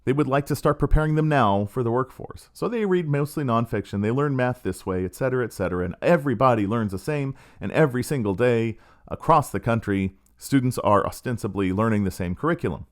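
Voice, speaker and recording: Brisk and animated, a middle-aged podcast host with a medium-pitched voice recounts a story. The monologue is casual and sardonic, with quotes acted out.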